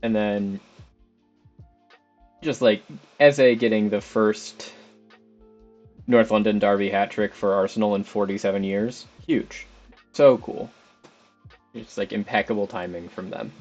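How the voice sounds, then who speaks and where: This young man's fairly low, steady, slightly mellow voice moves at a measured pace with long pauses as he streams a football management game. He chats and rambles to the on-screen players in casual live commentary, with background music in slightly dull stream audio.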